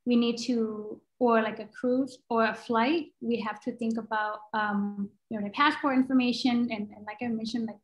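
A young Thai woman, a guest product designer, answers questions casually on a video call through her laptop mic. Her voice is a little high with fairly even intonation, and she speaks at a moderate pace with hardly any pauses, thinking aloud with fillers and restarts. The audio sounds dull.

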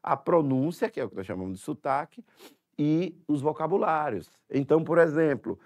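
A man's voice: fairly high pitch, lively intonation, moderate pace, a little mellow. A man teaching an exam-prep language lesson in a Sergipe Brazilian Portuguese accent, explaining step by step and checking in often with tag questions.

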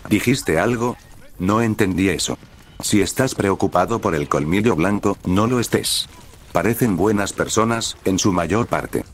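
A man voicing a cheerful, naive young man in a story reading, delivered in a flat, even way. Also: low voice, a little slow. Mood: easygoing.

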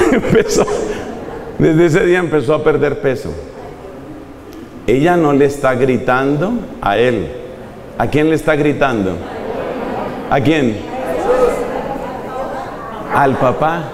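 A man preaching a sermon in an animated, humorous way, acting out examples. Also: fairly high pitch, takes it slowly, pauses often, big-room sound, crowd noise, background noise.

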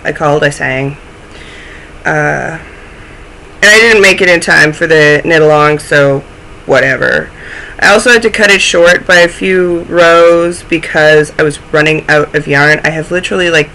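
A young woman with a low voice chats casually to a webcam while hosting a knitting podcast indoors in a small room at home. She speaks at a moderate pace in a sharp tone, stuffy and snuffly, and makes fun of herself along the way. A little hiss or hum runs through the low-quality recording.

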